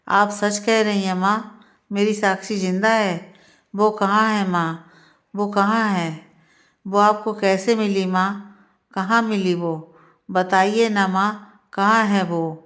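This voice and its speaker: A young man pleading over and over in a storybook tale, as a woman narrator voices him. The voice stays flat and even in pitch, middle in height, with repetitive, pleading questions rather than big swings. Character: young man, desperate, pleading grieving lover.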